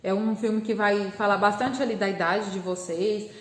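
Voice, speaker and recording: A woman with a Brazilian Portuguese accent, teaching a remote class for young children, patient and slow, sounding out words syllable by syllable. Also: mid-range voice, fairly even intonation, echoey room. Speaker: primary school teacher.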